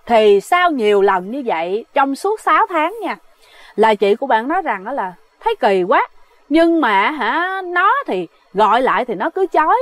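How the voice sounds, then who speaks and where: A woman's voice: high voice, a bit bright, dry recording. Chatty woman storyteller. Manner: chatty, addresses listeners as "các bạn". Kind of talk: ghost story narration.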